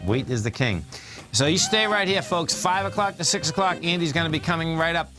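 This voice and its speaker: A man's voice: on the high side, animated, a little fast, over music. A man with a Boston accent hosting a radio show, chatting casually in short, interjecting phrases. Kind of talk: casual live interview chat.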